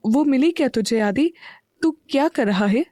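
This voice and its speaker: A woman voicing a doting, excitable middle-aged mother on a phone call in an audio story, eager and questioning. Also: sits high, moderate pace, no room sound, studio quality. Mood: excited. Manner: warm, eager, rising questions.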